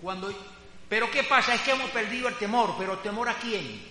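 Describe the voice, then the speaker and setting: A man's voice: high-pitched, a little fast, bright, forceful tone. A man giving a rambling, emphatic testimony in a religious class, repeating his phrases as he goes. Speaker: class participant. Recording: roomy hall with faint hum.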